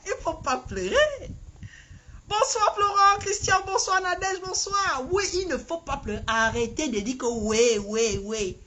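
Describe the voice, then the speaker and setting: A woman's voice: high-pitched, sharp tone, breathy edge. A woman hosting a casual political live stream, rallying her viewers and often laughing.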